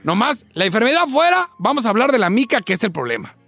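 A man's voice: very high voice, big pitch swings, quick pace, vocal fry, pushed and bright, no room sound. Insistent, argumentative radio co-host man. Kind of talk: radio talk show debate.

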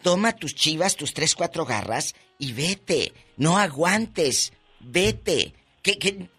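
A man co-hosting a call-in radio show, teasing and exclamatory in lively banter. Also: fairly high pitch, slow, breathy edge, faint music behind.

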